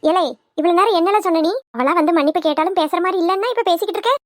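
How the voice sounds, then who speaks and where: A woman's voice: very high-pitched, very fast, no room sound, studio quality. A woman voicing a scheming, scolding old village mother-in-law for a cartoon. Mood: indignant. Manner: scolding, nagging, grumbling. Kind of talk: cartoon voice acting.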